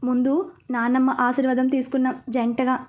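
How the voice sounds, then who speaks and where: A woman narrating a first-person romance story in an expressive, chatty way, asking listeners asides. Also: high-pitched, a little fast, muffled recording.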